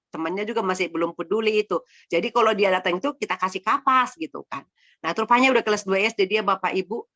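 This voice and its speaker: A woman's voice: mid-range voice, pushed and bright. A middle-aged woman giving a personal faith testimony to a congregation, telling it in a chatty, emotional way with many fillers.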